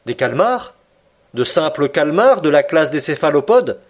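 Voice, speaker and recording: A man's voice: on the high side, big pitch swings, measured pace, heavily acted. A man voicing a serious, polite manservant who speaks earnestly and imperturbably, in an audiobook reading. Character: earnest, formal young male manservant.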